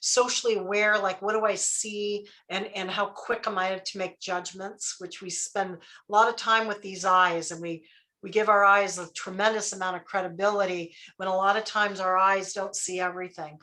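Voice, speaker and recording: A woman's voice: medium pitch, steady tone, normal speed, pushed and bright. A woman leadership coach giving a live workshop, talking conversationally, quizzing her audience and checking in with "right?" and "okay?".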